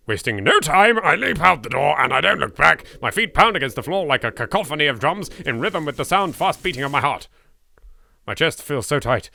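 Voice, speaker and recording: A medium-pitched Englishman with vocal fry hosts a let's play in a dry recording, sounding pushed and bright. He performs the reading dramatically and fills his commentary with theatrical exasperation and swearing.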